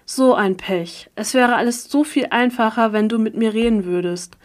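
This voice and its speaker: A woman's voice: a little high, normal speed, close to an everyday voice. Woman reading a cold, smug male villain. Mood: cool, menacing. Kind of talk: audiobook character voice.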